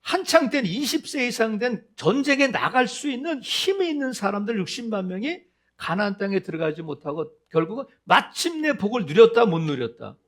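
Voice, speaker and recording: Lively high-voiced male pastor preaching. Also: a little fast. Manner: conversational storytelling, acts out quoted voices; rhetorical questions to the congregation. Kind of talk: sermon.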